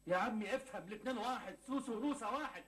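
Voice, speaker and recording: A man's voice: high-pitched, rapid-fire, fairly bright tone. A sulky broke young Egyptian man. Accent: Egyptian Arabic. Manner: grumbling, self-pitying. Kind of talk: 1980s Egyptian TV sitcom acting.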